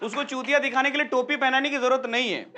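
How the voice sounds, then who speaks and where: A young man doing a stand-up comedy set, telling stories in an animated way and acting out the characters. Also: very high-pitched, fast talker, over loud music. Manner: animated storytelling, acts out characters.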